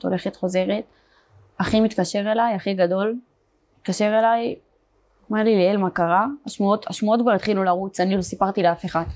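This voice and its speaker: Young woman giving halting testimony. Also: mid-range voice, darkish tone. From Israel. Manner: halting, with many fillers and restarts. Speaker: guest, border police fighter. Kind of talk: personal testimony in an interview.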